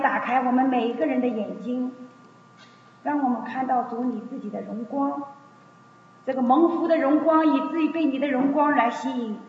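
A hoarse woman leads a fervent prayer, her pleading phrases circling back again and again. Her voice sits a little high. It rings through a long, echoing hall on a dull, muffled recording. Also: slight background noise. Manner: repetitive, pleading cadence. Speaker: prayer leader. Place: church meeting room.

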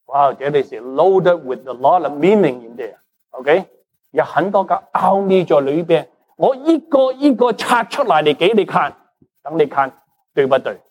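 A man preaching a sermon in a lively, animated way. He is a Cantonese speaker who slips in English words and keeps asking the congregation questions, then answers them himself. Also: on the high side, measured pace. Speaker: pastor.

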